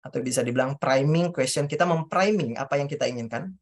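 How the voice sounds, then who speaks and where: A woman with a low, deep voice leads a workshop before an audience. She talks straight to her listeners and acts out sample questions in their voice. She often stops and restarts mid-sentence as she explains. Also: quick pace. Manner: addresses the audience directly, acts out example questions; hesitant restarts while explaining. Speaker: speaker at a coaching talk. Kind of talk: presenting a workshop on self-questioning. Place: talk venue before an audience.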